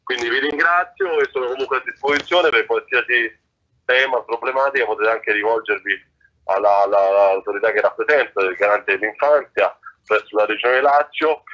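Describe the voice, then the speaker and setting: A man's voice comes through a speakerphone, dull and muffled in sound. His tone is very bright and sharp at an ordinary pitch. He gives a formal address to a meeting and often stops to repeat words. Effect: heard over a speakerphone. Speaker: guest official addressing a public meeting.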